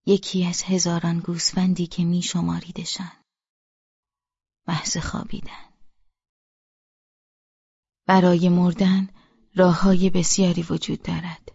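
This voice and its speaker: A woman voicing a despairing young wife reading her farewell note in a hushed, flat way. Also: on the low side, creaky, long pauses, breathy edge, no room sound, highs cut off. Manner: flat, hushed, often whispered.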